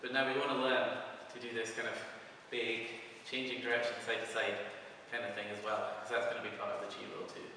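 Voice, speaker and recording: A man talks quickly, with hardly any pauses, as he casually walks through a prop-spinning move in a video tutorial, loosely describing each step while demonstrating. His medium-pitched voice is bright and forceful with little pitch movement; the distant mic in an echoey hall picks up slight background noise.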